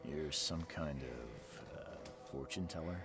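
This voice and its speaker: A man playing a terse, brooding, skeptical detective in a video game with a gravelly voice. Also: rumbling low, slow. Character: hard-boiled, skeptical male detective. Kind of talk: video game character acting. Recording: noisy game audio with ambience.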